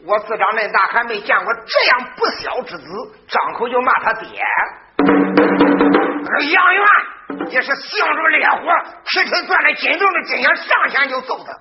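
高亢激昂的男大鼓艺人. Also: male voice, very high-pitched, lively intonation, moderate pace, loud music behind the voice. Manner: sing-song, dramatic, shouted peaks. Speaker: drum-song storyteller. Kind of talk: traditional drum-ballad storytelling. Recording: dull lo-fi recording with drum accompaniment.

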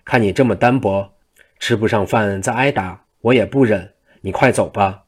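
A man's voice: lowish voice, moderate pace, slightly rough. A man voicing an old male household servant who talks in an earnest, pleading way.

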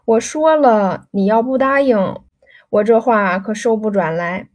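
A woman's voice: a little high, measured pace, a little mellow, lightly acted. A woman voicing an insistent young rich man who keeps pressing a girl for an answer, pleading and pushy.

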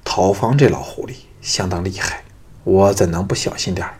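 A suspicious male bandit chief barks his words gruffly, as a male narrator puts him on. His voice is low and rough with a strong rasp. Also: moderate pace, darkish tone.

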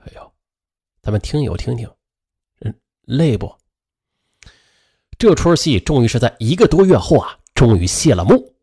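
A man's voice: medium pitch, a little fast, slightly rough. A man narrating a dramatized true story as a radio storyteller, talking straight to his listeners. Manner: lively, addresses listeners directly.

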